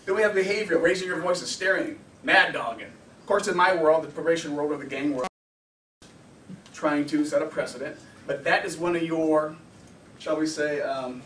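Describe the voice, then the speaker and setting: A fairly high-voiced man gives an informal anger management class, lively and chatty, acting out the lines of the people he quotes. He is recorded from across an echoey room, and a faint hum of background ambience sits under his voice. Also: distant mic. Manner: animated, conversational, acts out quotes.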